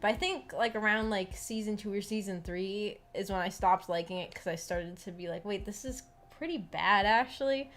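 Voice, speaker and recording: A woman streamer who hosts a visual novel book club chats casually, recounting personal anecdotes in a giggly, self-deprecating manner. She speaks at a moderate pace with few pauses, in a mid-range, fairly bright voice, while background music plays.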